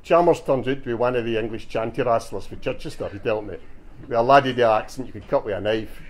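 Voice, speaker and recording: At a bookshop reading, a man with a medium-pitched voice talks fast, lightly acting the part of a stocky, cheeky retired Glaswegian. In a broad dialect, this older joker spins a boastful yarn for the audience.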